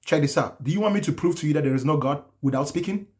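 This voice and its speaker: A man hosting a live call-in talk show, brash and animated, laughing often as he riffs on callers. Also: a little high, fast. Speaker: host. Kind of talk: casual live call-in chat.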